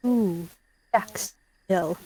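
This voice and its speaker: A woman player in a tabletop role-playing game with a warm, mellow voice. She chats casually and makes quick, playful remarks. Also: mid-range voice, breathy edge.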